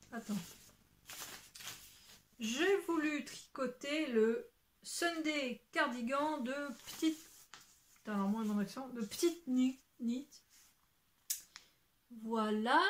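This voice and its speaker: A young woman with a fairly high voice talks at home in front of her shelves. She rambles through her knitting projects with lots of fillers and restarts, now and then letting slip a swear word and apologizing for it. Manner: rambling, chatty, many fillers and self-corrections. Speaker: knitting podcaster. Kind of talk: casual chat showing knitting to camera.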